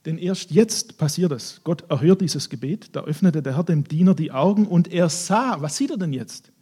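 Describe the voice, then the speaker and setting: A man preaches a sermon, retelling a Bible story with lively, dramatic flair. His voice sits fairly high and sounds husky. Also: moderate pace. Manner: animated storytelling, acting out scenes in voices.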